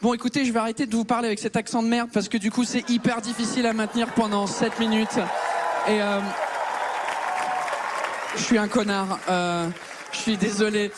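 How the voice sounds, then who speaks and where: A man's voice: high-pitched, flat delivery, normal speed, long pauses, crowd noise, noisy background. A man from England, native in English, doing a crude, self-mocking stand-up routine on stage. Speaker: stand-up comedian. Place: comedy stage before an audience.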